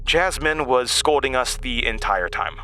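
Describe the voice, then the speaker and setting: A man plays the earnest, rueful narrator of a horror audio drama, recalling his childhood through uneasy, hesitant, confessional asides to the listener. His medium-pitched voice is bright and forceful, at a measured pace, with a little hiss or hum in the background.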